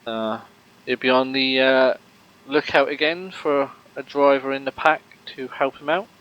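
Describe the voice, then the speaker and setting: A man's voice: medium pitch, fairly even intonation, unhurried, dull audio. A man commentating a sim race live, rambling with lots of fillers and joking banter with his co-host.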